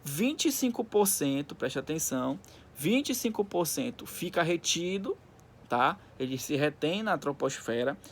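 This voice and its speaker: A man's voice: fairly high pitch, lively intonation, a little slow. A man teaches a recorded school lesson. He dictates in short segments as if students are following along in the textbook, explaining didactically and often adding little tags to check they are with him. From Brazil.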